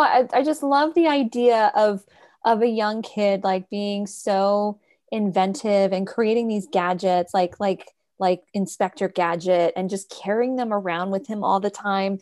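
A woman co-hosting a casual movie podcast, rambling with halting restarts and bursts of excitement. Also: mid-range voice. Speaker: podcast co-host. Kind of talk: casual chat about a movie.

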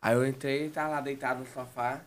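Man, casual storytelling, rambling, frequent restarts, mid pitch. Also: fairly even intonation, brisk. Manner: rambling, repeats words and restarts often. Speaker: guest.

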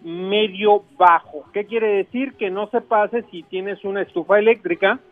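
A man with a Mexican accent, a chef on radio, explaining and chatting casually in a halting way. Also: sits high, no room sound, phone-quality sound. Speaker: chef giving radio cooking tips.

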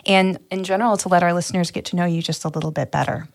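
A woman co-hosting a podcast in casual chat, teasing and quick to laugh. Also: lowish voice, steady tone, gravelly. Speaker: podcast co-host, professor.

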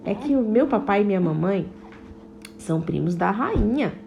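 A woman's voice: medium pitch, lively intonation, moderate pace, vocal fry, muffled recording, slight background noise, pitched below the performer's own voice. A woman voicing Joana, a cheeky young ladybug girl who pretends to be a bee, talking in a playful, giggly, fibbing way. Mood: sheepish.

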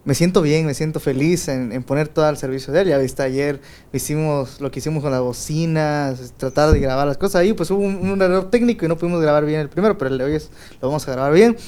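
A man's voice: fairly high pitch, fast, a little mellow. A man with a light, boyish voice chatting casually in a home studio, rambling with fillers and laughing often. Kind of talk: casual chat.

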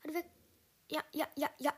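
A woman giving live gameplay commentary, excitable and loud in bursts, slipping in English gamer slang and dropping to quiet asides. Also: high-pitched, fairly quick. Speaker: gaming video host.

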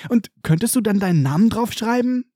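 A man voicing an eager, breathless small schoolboy fan with a piping high voice. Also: lively intonation, fairly quick, dark tone, dry recording, clean studio sound.

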